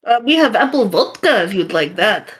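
A woman's voice: medium pitch, expressive, moderate pace, natural voice. A woman voicing a polite male fox-folk villager in a put-on Russian accent, speaking hesitantly with many fillers.

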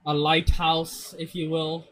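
A man's voice: on the high side, completely flat delivery, slow, a bit bright. A man hosting a casual comedy podcast in a campy, theatrical, self-mocking way, swearing freely. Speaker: podcast host.

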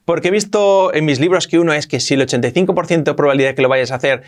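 A man with a Spanish accent from Spain explains English grammar in a lively teaching voice. He drills the words by repeating them and leaps up in pitch to stress a point. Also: racing.

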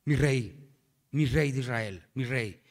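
A man voicing an old male prophet who warns his king in a low, hushed, confiding tone. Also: slow. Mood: urgent warning.

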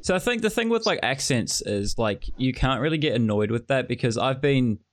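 A man chatting casually on a podcast, animated, repeating phrases as he builds a point. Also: mid-range voice, a little fast. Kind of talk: casual chat.

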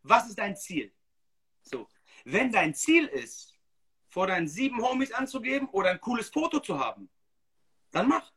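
Blunt, slangy man, high bright voice. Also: normal speed, long pauses, breathy edge. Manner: blunt, emphatic, slangy, animated. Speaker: DJ and podcast host. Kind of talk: casual livestream podcast chat.

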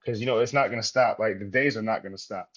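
A man, a professional basketball player, talking casually as an interview guest, relaxed and rambling with many fillers. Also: on the low side, fast, highs cut off. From United States.

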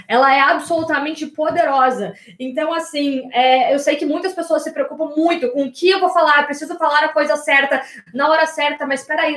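A Brazilian woman mentor giving an energetic online class, talking straight to her viewers and asking them rhetorical questions. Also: high-pitched, roomy sound. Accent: Brazilian Portuguese. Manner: energetic, addresses audience as "gente", asks rhetorical questions. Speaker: business and communication mentor.

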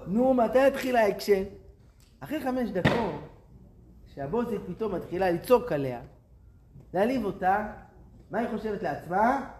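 A man's voice: high-pitched, expressive, pauses often, a little mellow. A man giving a storytelling talk to young people, speaking animatedly and addressing them directly. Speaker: speaker to youth. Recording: roomy with faint noise.

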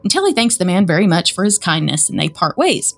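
A woman's voice: lowish voice, big pitch swings, brisk, vocal fry. A woman with a Southern American accent, co-hosting a podcast and chattily retelling a spooky story. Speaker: podcast co-host. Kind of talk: casual storytelling chat.

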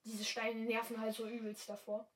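A young woman speaking standard German, chatting casually and excitably while commentating her gameplay. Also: a little high, moderate pace, far from the mic, slight background noise, low-quality recording. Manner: chatty, excitable, yelps and exclaims often. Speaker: gamer streamer.

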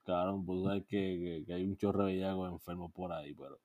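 Low-voiced man telling stories. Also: steady tone, a little fast, a little mellow. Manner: profane storytelling, mixing in English phrases. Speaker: podcast co-host. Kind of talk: casual chat.

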